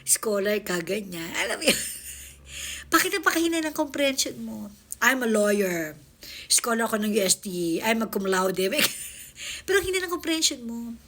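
A woman vlogger with a fairly high voice talks over clips in casual reaction commentary. She mocks, laughs between lines and swears freely. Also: very animated, normal speed, fairly bright tone. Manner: mocking, laughing often, swearing.

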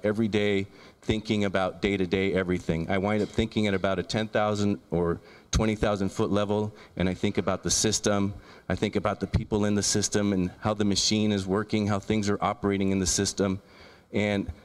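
A man in his thirties giving an earnest keynote talk with a handheld mic in a large lecture room, often restarting and repeating words as he lists ideas. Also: lowish voice. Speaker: keynote speaker. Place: large lecture room, in front of a projection screen. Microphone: handheld microphone.

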